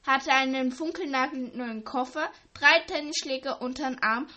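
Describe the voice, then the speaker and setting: A woman reading the part of an excited, gossipy teenage schoolgirl in a storybook. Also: high-pitched, normal speed.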